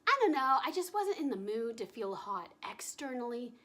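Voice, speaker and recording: A young woman talking through her travel vlog in a bubbly, giggly way, gushing with drawn-out enthusiasm. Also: on the high side, very animated, a bit bright. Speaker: travel vlogger. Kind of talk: casual vlog narration.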